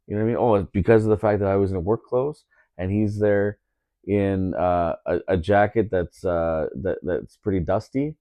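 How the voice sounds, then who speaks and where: A man's voice: sits low, moderate pace, dark tone, no room sound. A man telling a story in a casual podcast chat, indignant, repeating himself with lots of fillers.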